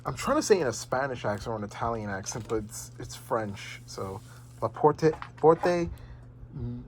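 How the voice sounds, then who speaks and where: A man's voice: mid-range voice, brisk, slight background noise. A young man casually vlogging about games he collects, rambling with lots of fillers and restarts. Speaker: gaming vlogger. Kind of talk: casual unboxing and game progress vlog. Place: bedroom at home.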